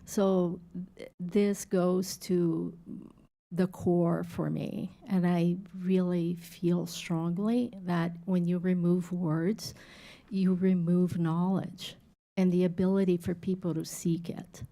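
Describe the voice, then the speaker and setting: Slow, gravelly woman commissioner. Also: on the low side, flat delivery, mellow. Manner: slow, deliberate, heartfelt. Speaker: arts commissioner. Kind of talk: comment at a meeting. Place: city council chamber.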